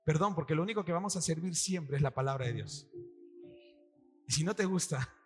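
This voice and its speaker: A man's voice: fairly high pitch, fairly quick. A male pastor with a Peruvian accent preaching a sermon to his congregation, acting out quotes and firing questions at the room. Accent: Peruvian Spanish. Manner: animated, acts out quotes, quizzes the congregation. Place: church hall with congregation. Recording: long hall reverb, faint music.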